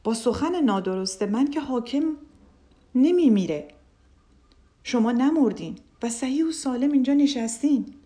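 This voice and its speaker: A woman's voice: fairly high pitch, darkish tone, close to an everyday voice. Woman doing an earnest old village guy in a kids story, swoopy voice. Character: kind, clever old village man.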